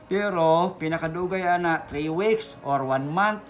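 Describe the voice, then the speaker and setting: A man's voice: fairly high pitch, a little slow. A man, a holistic therapist chatting and coaxing a client through treatment. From Philippines. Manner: coaxing, reassuring, repeats short checks. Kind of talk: casual talk while treating a client. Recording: echoey room with music behind.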